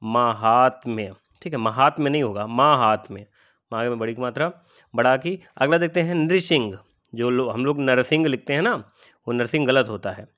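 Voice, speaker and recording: A man's voice: mid-range voice, animated, fairly quick, a bit bright, dull audio. Man teaching Hindi spelling. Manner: explains patiently, repeats words and asks rhetorical questions. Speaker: exam prep teacher. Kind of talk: spelling lesson for exam aspirants.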